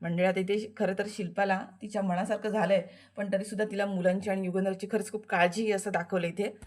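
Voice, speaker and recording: A woman narrates a television serial recap as a voice-over, chatty and direct with her listeners. Her voice sits at an average pitch for a woman. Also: level tone, fast, darkish tone.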